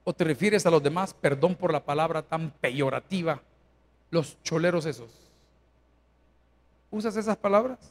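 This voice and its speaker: A man preaching a sermon as pastor, firing rhetorical questions and swinging from hushed to shouting. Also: on the high side, normal speed, long pauses.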